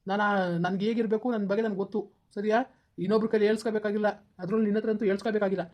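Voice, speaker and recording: Playing an irritable, defensive young husband in a village comedy skit, a woman snaps at and scolds his wife, talking quickly. Her irritated voice is mid-range and close to everyday speech, though her delivery is flat. The recording is muffled.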